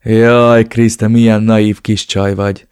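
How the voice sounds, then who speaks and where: A man's voice: on the low side, no echo, studio quality, lightly acted. A man voicing a smug, cruel male villain who taunts and threatens. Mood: mocking. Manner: mocking, taunting.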